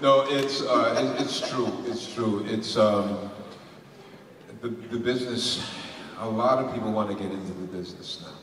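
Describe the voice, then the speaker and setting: A man's voice: on the low side, moderate pace, fairly bright tone, far from the mic, slight background noise. A man speaking as a voice actor on a convention panel, rambling with lots of restarts and laughs. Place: large convention hall. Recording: echoey hall recorded from afar.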